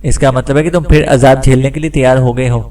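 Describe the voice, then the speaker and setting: A man voicing a cold, sharp-witted male secret agent in an audiobook, cool and commanding. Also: mid-range voice, fairly even intonation, quick pace, recorded from a distance, lightly acted.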